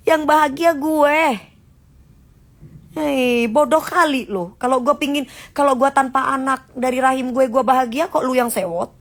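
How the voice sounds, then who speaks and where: Woman going live, blunt and defiant, bit of a higher voice, keeps repeating herself. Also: steady tone, moderate pace. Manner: laughs often between remarks. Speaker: livestream host. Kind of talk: casual live stream talk.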